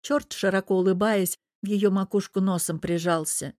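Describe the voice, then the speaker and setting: A woman reading an audiobook in scripted narration, with an expressive storytelling manner into a close mic. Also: medium pitch, normal speed, no room sound.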